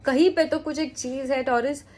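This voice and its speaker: A woman's voice: high-pitched, fairly even intonation, moderate pace, darkish tone. A young adult woman doing a casual weekly tarot reading, chatty, mixing English into her talk and checking in with the listener often. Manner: chatty, mixes English into Hindi, repeats "ठीक है?". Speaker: tarot reader.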